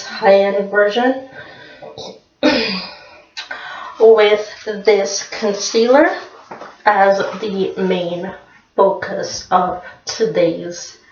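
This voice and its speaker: Slow-talking woman in an echoey room. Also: medium pitch. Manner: repeats phrases, unhurried explaining. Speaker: makeup tutorial host. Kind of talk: casual how-to talk. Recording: echoey room, mic far off, dull sound.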